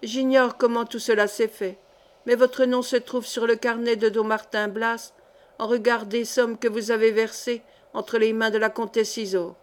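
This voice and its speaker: A woman's voice: a little high, level tone, moderate pace, natural voice. A woman voicing a timid, submissive male seneschal in a storybook reading, speaking mournfully. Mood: dejected. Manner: dejected, mournful.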